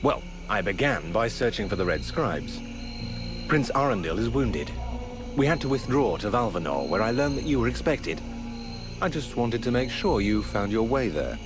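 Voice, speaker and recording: Lively, sardonic elf archer. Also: male voice, lowish voice, moderate pace. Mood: wry, confident. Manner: sarcastic, mocking, articulate. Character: sardonic, haughty elf archer with taunting wit. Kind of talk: video game character acting. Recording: music behind the voice.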